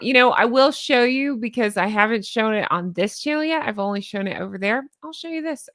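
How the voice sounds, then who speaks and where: A Southern US woman in her thirties hosts a casual reaction vlog on YouTube, chatty and sarcastic and laughing often, speaking into a boom-arm studio mic in her neon-lit home studio. Her voice is a little high, creaky and a bit bright, with no room sound.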